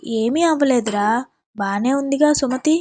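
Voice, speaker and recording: A woman's voice: sits high, a little slow, darkish tone. A woman voicing a harsh mother-in-law who speaks curtly and dismissively.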